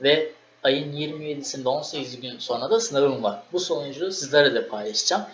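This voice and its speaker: A young man vlogging, telling a story in a casual, animated way and acting out what he said. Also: medium pitch, brisk. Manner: animated, acts out his own quoted lines. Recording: echoey room, dull lo-fi sound, faint noise.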